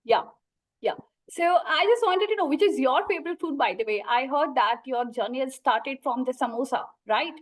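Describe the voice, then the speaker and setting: A woman's voice: high-pitched, lively intonation, moderate pace. An effusive, wordy woman with an Indian accent, hosting a podcast interview. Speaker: talk show host.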